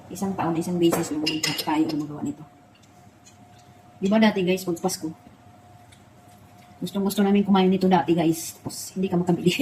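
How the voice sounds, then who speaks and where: A woman's voice: fairly low pitch, a little mellow, slight background noise, poor audio. Chatty middle-aged woman vlogging in her kitchen. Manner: chatty, keeps calling out to her viewers; tearful and laughing while she reminisces. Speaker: cooking vlogger. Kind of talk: casual cooking chat and personal storytelling.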